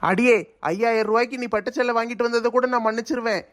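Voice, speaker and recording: A woman's voice: on the high side, steady tone, natural voice. A woman voicing a grumpy, stingy husband who grumbles sarcastically. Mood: irritated. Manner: grumbling, sarcastic, fast rant.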